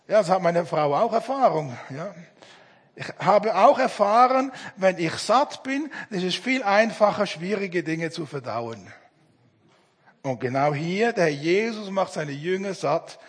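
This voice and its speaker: A middle-aged man preaching a sermon, earnest, with dramatic pauses as he acts out quoted dialogue. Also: high voice, slightly rough. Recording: long hall reverb.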